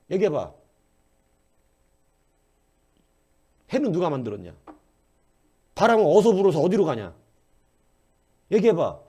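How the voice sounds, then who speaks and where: A man doing God, booming and demanding. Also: breathy edge. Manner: loud, demanding rhetorical questions. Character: God, a commanding male deity, challenging and booming.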